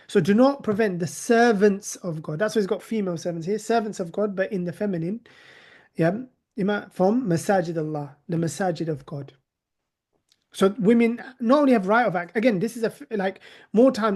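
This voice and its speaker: A man's voice: sits high, darkish tone. Chatty man lecturing a class. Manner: conversational, with sarcastic rhetorical asides. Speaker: teacher of hadith.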